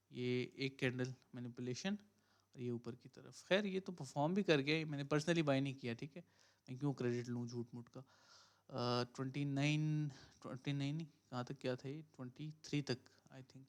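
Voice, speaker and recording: Guy on a crypto livestream going over charts, smooth clear voice, says "theek hai" a lot, switches into english. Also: medium pitch. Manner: casual, thinks aloud, many fillers and "ठीक है"; mixes Hindi-Urdu with English phrases. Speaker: crypto trading mentor. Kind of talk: live stream chart review and Q&A.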